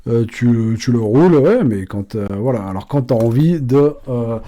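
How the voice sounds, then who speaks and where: Casting: man, mellow low-bright voice, casual rambling language teacher full of fillers. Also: lively intonation, normal speed. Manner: rambling, many fillers and restarts. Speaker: Spanish teacher. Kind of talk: casual online language lesson.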